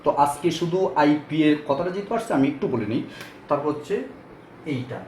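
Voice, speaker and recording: A man's voice: on the high side, lively intonation, moderate pace, a little mellow. Male pronunciation tutor, casual lesson, fillers, echoey room with faint background hum. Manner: explains step by step with frequent fillers. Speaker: English pronunciation teacher.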